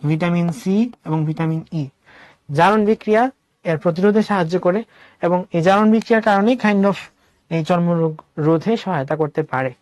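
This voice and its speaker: A male teacher whose voice sits high teaches an online class, mixing English into his Bangla as he explains step by step and answers the questions he asks. The recording is studio quality, with no room sound.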